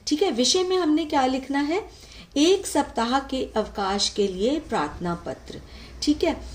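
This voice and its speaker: A woman teacher patiently explaining a letter format step by step, often checking in with the listener. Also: fairly high pitch. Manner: patient, frequent "ठीक है" check-ins.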